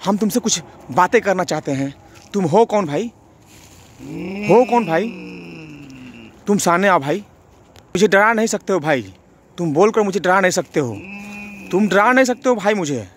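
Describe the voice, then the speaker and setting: A man vlogging while exploring a haunted place at night, talking excitedly and calling out loudly into the dark. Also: high-pitched, a little fast, a little hiss or hum. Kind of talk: casual ghost-hunting vlog.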